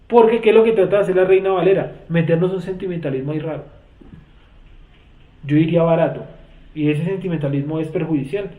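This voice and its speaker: A man's voice: on the high side, fast, dark tone. A man teaching a Bible study class, explaining word meanings and often putting questions to his students. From Colombia. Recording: echoey room, tinny phone-like sound.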